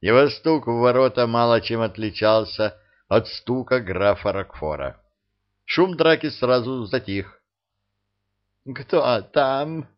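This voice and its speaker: A man narrating a humorous fantasy audiobook, bringing the characters to life in an expressive reading. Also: medium pitch, measured pace, muffled recording. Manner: expressive storytelling, acting out the characters. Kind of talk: scripted narration.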